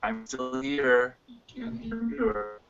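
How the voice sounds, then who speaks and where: A man talking in an online meeting from his phone, halting and hesitant with many fillers, his audio choppy and breaking up. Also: high voice, very animated, creaky, a bit bright. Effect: choppy, breaking-up call audio. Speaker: meeting participant. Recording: dull lo-fi phone call.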